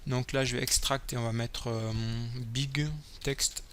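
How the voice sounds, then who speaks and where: A man's voice: medium pitch, level tone, measured pace, fairly bright tone, slight background noise. A man hosting a screencast coding tutorial, casually thinking aloud as he types and explains each step. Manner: casual, thinking aloud while typing code.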